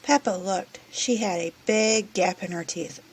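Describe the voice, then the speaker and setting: A woman's voice: medium pitch, measured pace, breathy edge, poor audio. A woman reading a children's storybook aloud expressively, as the narrator. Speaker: story reader.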